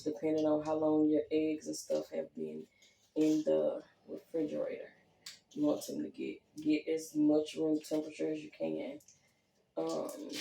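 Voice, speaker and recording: Lady rambling thru a baking demo, low gravelly voice, echoey kitchen. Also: mellow, slight background noise. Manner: rambling, chatty, unhurried, with many fillers. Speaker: home baker. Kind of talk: casual cooking demonstration. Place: small home kitchen.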